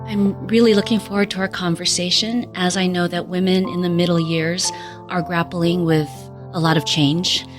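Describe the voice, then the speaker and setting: A woman hosting a podcast interview, speaking in a measured, earnest way. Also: lowish voice, little pitch movement, over music. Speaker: podcast host.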